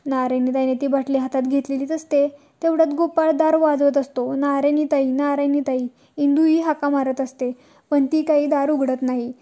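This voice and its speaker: A woman retells a TV serial episode as a story, in a steady manner. Her voice sits high and mellow, and she keeps the line flat with little rise and fall. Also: moderate pace. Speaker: serial recap narrator. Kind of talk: storytelling recap.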